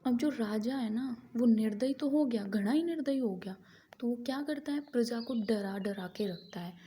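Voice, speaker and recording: A young woman tutoring for competitive exams in a casual explainer video, speaking softly and patiently, step by step. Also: a little high, moderate pace. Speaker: exam-prep tutor.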